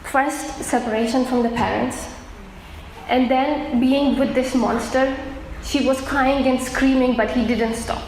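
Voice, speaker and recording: A woman from Afghanistan giving an earnest personal testimony, pausing often with fillers. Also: sits high, fairly even intonation, darkish tone. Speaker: testimony speaker. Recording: echoey room with faint noise.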